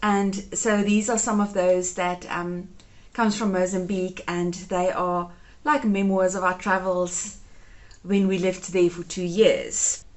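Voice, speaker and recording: A woman in her thirties, a native Afrikaans speaker, chats through a home decluttering vlog in a low, flat voice at a measured pace. As a home organizing vlogger, she gushes over keepsakes.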